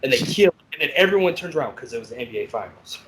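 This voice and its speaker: A man of ordinary pitch telling rough stories of his time as a guard, swearing freely and acting out both sides of each exchange. His voice swings between low, hushed asides and loud bursts. A faint hiss sits under the recording. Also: rapid-fire, rough recording. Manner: blunt, profane, animated storytelling. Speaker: podcast host, former corrections officer. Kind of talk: casual storytelling chat.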